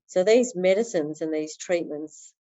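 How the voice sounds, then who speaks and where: A woman's voice: lowish voice, measured pace, dark tone, low-quality recording. A woman talking earnestly as a podcast guest in a flowing interview, with many fillers. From Australia. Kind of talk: interview conversation.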